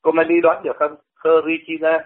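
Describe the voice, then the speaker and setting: An older man from Vietnam, working as a radio commentator, explains how words are pronounced and repeats them to demonstrate. His medium-pitched voice has lively intonation and runs a little fast, carried on a phone-like radio line.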